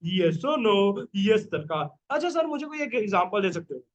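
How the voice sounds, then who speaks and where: A man's voice: high-pitched, big pitch swings, normal speed, dull audio. A man teaching an exam revision class in call-and-response style, firing questions at students and answering them himself. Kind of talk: energetic exam revision lecture.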